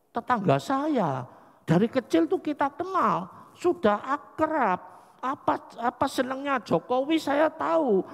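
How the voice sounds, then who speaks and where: A man's voice: extremely high pitch, vocal fry. An older man preaching a sermon, who acts out little dialogues between the people he talks about. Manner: animated, acts out dialogue in changing voices. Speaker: pastor. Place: church sanctuary. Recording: live church hall with long reverb.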